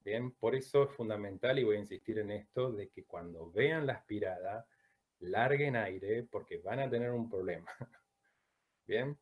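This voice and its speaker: A man from Latin America teaching a Chinese pronunciation class, who drills sounds slowly and checks in with "¿bien?" after each point. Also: lowish voice, darkish tone. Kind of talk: online class lecture.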